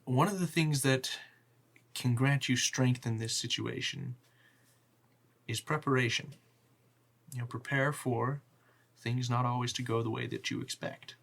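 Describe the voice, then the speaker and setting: A man's voice: mid-range voice, fairly even intonation, creaky, a bit bright. A man playing a devout figure who earnestly preaches about the gods and being spiritually prepared. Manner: earnest, measured sermonizing.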